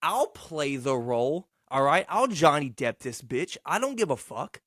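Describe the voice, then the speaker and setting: A man in his twenties with a slightly higher-than-average voice, recorded dry without room echo. He rambles alone as a casual podcast host, slangy and profane, swinging between boasting and self-mockery. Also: sing-song, measured pace, fairly bright tone. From Texarkana, United States. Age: 20s.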